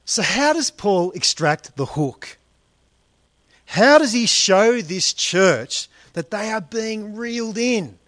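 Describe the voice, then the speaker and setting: A man preaching slowly and deliberately, with a fairly high voice and a wry, sarcastic edge. He talks straight to his listeners as friends and guys. The sound is close and dry. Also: a bit bright, no echo. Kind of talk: expository sermon on a Bible letter.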